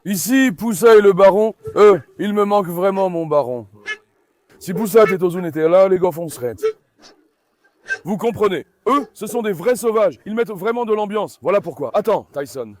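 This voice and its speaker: A man hosting a dog vlog, giving running commentary to viewers and repeatedly calming his dogs with soothing commands. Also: sits high, normal speed, no room sound. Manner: talks directly to viewers as friends. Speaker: dog owner and channel host.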